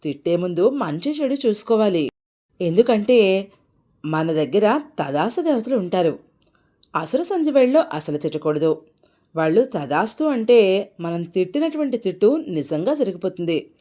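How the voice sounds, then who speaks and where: A woman's voice: mid-range voice, big pitch swings, moderate pace, mellow, lightly acted. A woman voicing a wise male storyteller at a temple, preaching a moral to a village crowd.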